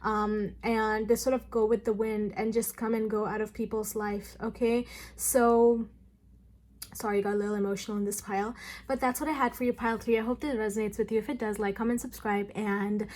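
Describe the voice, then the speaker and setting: A woman's voice: mid-range voice, level tone, fairly quick, a little mellow. A young woman giving a casual, chatty tarot reading, earnest and full of fillers and asides. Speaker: tarot reader.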